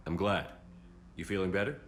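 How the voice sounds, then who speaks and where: An actor playing a steady, supportive and grave military commander in a video game. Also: male voice, low voice, brisk, slight background noise. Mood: steady, warm. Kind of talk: video game dialogue acting.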